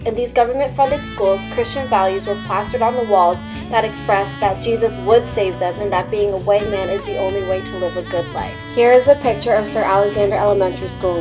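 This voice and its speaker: Earnest young woman narrating over music. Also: mid-range voice. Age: young adult. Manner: earnest, read-aloud delivery. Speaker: student narrator. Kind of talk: scripted documentary narration. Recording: music bed under voice.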